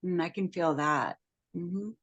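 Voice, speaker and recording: Woman in peer support call, slow and reflective, phone mic, unhurried delivery. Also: fairly low pitch. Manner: slow, soft, reflective with many fillers. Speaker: peer support group member. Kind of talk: casual spiritual sharing on a video call. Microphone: phone on a video call.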